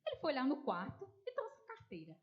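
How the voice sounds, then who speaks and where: A woman's voice: sits high, brisk, lo-fi sound. A woman with a Northeastern Brazilian accent preaching a testimony, telling the story with animation and acting out the voices of people in it. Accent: Northeastern Brazilian Portuguese. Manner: animated storytelling, acts out quoted voices, addresses listeners as dear ones.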